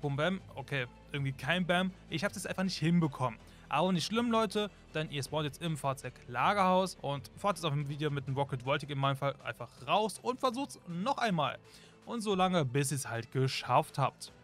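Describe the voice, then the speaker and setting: A man's voice: fairly high pitch, a bit bright. A young man narrating a game tutorial in a chatty way, constantly addressing his viewers. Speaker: gaming YouTuber. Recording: faint music behind.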